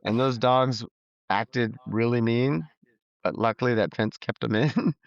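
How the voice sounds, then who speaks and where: Guy on a podcast chatting about his race, smooth voice, kinda muffled dry recording. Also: mid-range voice, measured pace, no room sound. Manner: relaxed storytelling with many "like" fillers. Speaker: podcast guest, ultrarunner. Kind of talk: casual interview chat. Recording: slightly dull, dry sound.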